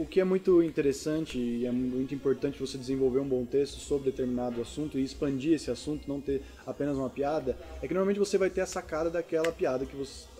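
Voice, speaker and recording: A man's voice: fairly high pitch, warm tone. A man with a Brazilian accent, a stand-up comedian, talking casually and reflectively in an interview.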